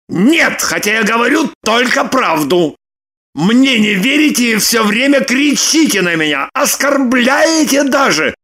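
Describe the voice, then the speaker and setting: A husky, slightly raised man's voice, as an audiobook reader plays him, measured and defensive, with a lively up-and-down line. He sounds a touch set back from the mic. A storybook husband type, weary but stubborn. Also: high-pitched, exaggerated voice. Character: weary stubborn middle-aged man, defensive.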